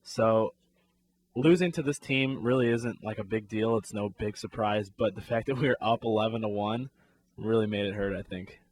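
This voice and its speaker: A man with a lowish, darkish voice co-hosts a sports talk show at a moderate pace. Laid-back and laughing easily, he recounts a game's plays in detail.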